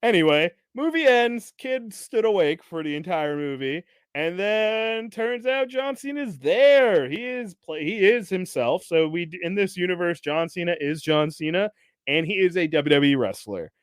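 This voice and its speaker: Young man, podcast host, casual recap, fairly high voice, dry close mic, animated. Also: normal speed, smooth, dry recording. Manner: animated, acts out characters' lines with jumps in pitch and loudness; laughs often, swears casually.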